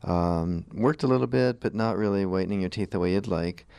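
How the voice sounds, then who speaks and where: A man's voice: low-pitched, a little fast, creaky, a little mellow, clear, resonant tone, no echo. A man hosting a conversational radio show, explaining things in an informal way. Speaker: radio show host, dentist.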